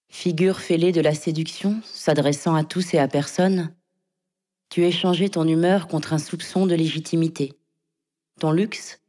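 Low, mellow woman reciting poetry. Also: slightly rough. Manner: measured, literary delivery. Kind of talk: poetic narration.

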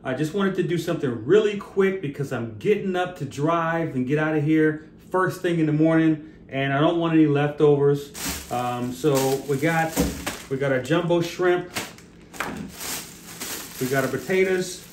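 A man's voice: fairly high pitch, moderate pace, a little mellow, echoey room, a little hiss or hum. Chatty middle-aged man vlogging. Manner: easygoing, chatty, with fillers and restarts. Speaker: host of a cooking and brewing channel. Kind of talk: casual vlog talk. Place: outdoors on the street, then a home kitchen. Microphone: camera held at arm's length.

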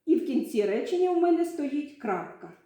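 A primary school teacher whose warm voice sits high leads a literacy lesson for young children, very animated and a little fast. She patiently stretches out words so the syllables stand out, and the room is very echoey.

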